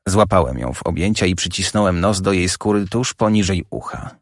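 A man's voice: deep voice, expressive, brisk, no echo, studio quality. A man giving an intense, dramatic first-person audiobook narration.

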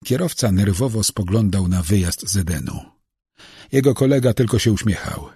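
A man reads an audiobook in a low, husky voice and tells the story at a measured pace. His pitch moves a lot as he speaks. The close mic gives a dry sound with no room around him. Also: expressive, mellow, dry recording. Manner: measured storytelling, voicing every character. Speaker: audiobook narrator. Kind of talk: scripted narration.

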